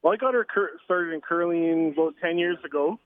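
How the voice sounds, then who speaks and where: A man's voice: a little high, no room sound. Middle-aged man over the phone from a train. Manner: halting, with many fillers and restarts. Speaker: interview guest, curling coach and father. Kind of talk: casual phone interview. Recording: tinny phone line.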